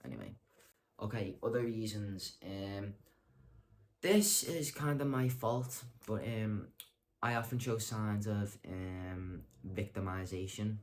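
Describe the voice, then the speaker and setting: At a slow pace, a low-voiced young man vlogs straight into the camera, drifting loosely from point to point. He keeps saying um, starting over, and fixing what he just said, poking fun at himself in a deadpan way. Faint noise can be heard behind him.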